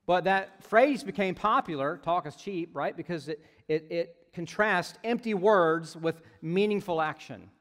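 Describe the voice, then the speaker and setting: Man, pastor, sermon, slightly high voice, long church-hall reverb. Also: measured pace, hardly any pauses, fairly bright tone. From United States. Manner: conversational, jokey asides, frequent "right?".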